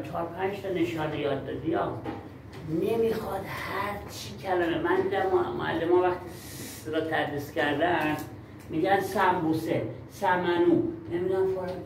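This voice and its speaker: A man's voice: fairly high pitch, noisy background. A man giving a workshop lecture to teachers, talking emphatically and repeating key words. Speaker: teacher trainer. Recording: echoey room, far from mic.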